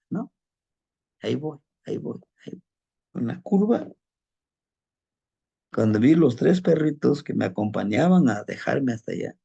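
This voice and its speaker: A man's voice: medium pitch, vocal fry, dark tone, husky, lo-fi sound. A man telling a personal anecdote in a casual, conversational way, often adding tag questions and repeating words as he searches for them. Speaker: storyteller of spirit lore.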